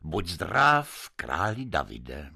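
Man voicing a courteous spaceship commander, brisk, gravelly, husky, radio story. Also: deep voice, wildly swooping pitch, sharp tone, no room sound, clean studio sound, heavily acted. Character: polite, eager male spaceship commander.

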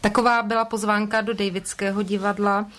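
A woman hosting a radio program, asking brisk, crisp questions. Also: mid-range voice, flat delivery, fairly bright tone. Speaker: radio host. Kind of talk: radio interview.

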